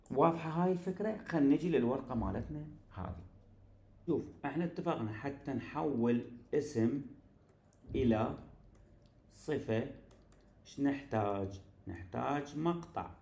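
A man's voice: medium pitch, vocal fry, darkish tone, roomy sound. A man with an Iraqi Arabic accent giving a recorded online English grammar lecture, explaining patiently with everyday comparisons and checking that students follow. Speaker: English teacher.

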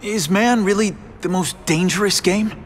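Actor as young man hero, slightly high voice, earnest, wry, casual and awkward, video game. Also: moderate pace, a little hiss or hum, lightly acted. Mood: curious, polite.

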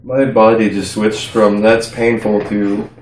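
A man, young adult, chatting casually through a food challenge, halting and dazed with his mouth burning from spicy food. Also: fairly low pitch, level tone, darkish tone. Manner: halting, breaking off mid-thought. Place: indoors at a dining table in a home. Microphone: far camera. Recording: roomy, distant mic, faint noise.

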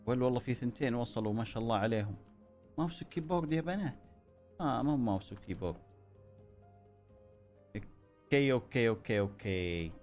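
A man giving excitable commentary over his own gameplay, cheering himself on and joking with his viewers. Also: mid-range voice, quick pace, pauses often, faint music behind. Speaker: gaming YouTuber.

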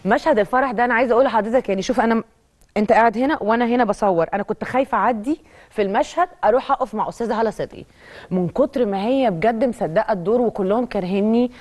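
A woman's voice: a little high, racing, darkish tone. An Egyptian woman, an actress, talking emotionally about her role in a TV studio interview, with an Egyptian Arabic accent. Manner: emotional, tells anecdotes with acted quotes. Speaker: actress guest.

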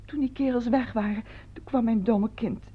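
High shaky guilt-ridden mom, stammering, muffled old radio play. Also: female voice, normal speed, husky. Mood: pleading. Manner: faltering, stammering. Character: tearful, guilt-ridden middle-aged mother. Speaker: doctor's wife. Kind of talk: 1950s-style radio drama acting. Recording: dull old radio recording.

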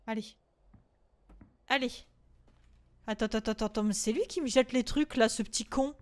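High-voiced young woman streaming a horror game. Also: normal speed, a little mellow. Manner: chatty, swears, repeats "wait" in bursts, shrieks at scares. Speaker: gaming streamer. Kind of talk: let's-play commentary of a horror game.

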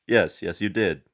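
A young man hosting a reaction video, chatting casually, laughing often and teasing himself. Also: low voice.

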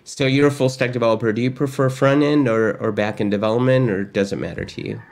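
This Argentine host in his fifties talks quickly, his medium-pitched voice darkish and fairly even in intonation. He keeps his online lesson and interview upbeat and chatty, with frequent filler words. He records at his desk in a home studio that has a gaming chair.

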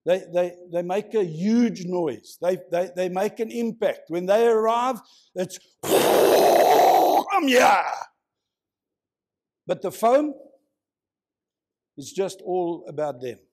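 High-voiced preacher. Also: male voice, mellow. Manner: conversational, prods the congregation with questions. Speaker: pastor. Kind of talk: lively preaching sermon. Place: church, before a congregation.

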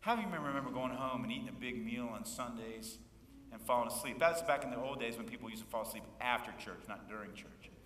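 A man in his fifties, serving as pastor, preaches a folksy, joking sermon in a church sanctuary and calls for responses from the congregation. His voice is medium-pitched, quick and fairly bright. The recording sounds distant and echoey, as if captured from far off in the church hall.

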